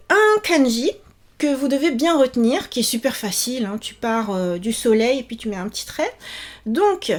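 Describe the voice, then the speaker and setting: A cheerful young woman teaching a language video lesson, repeating each word slowly and clearly. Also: a little high.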